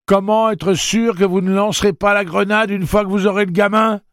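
A man voicing a frantic young man who shouts and pleads in panic. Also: high-pitched, level tone, moderate pace, dry recording, studio quality, voice pushed up.

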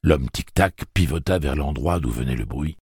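A man reading a story aloud as narrator, in a dramatic, animated way. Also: very deep voice, normal speed, breathy edge, dry recording, clean studio sound. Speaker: audiobook narrator. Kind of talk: scripted narration.

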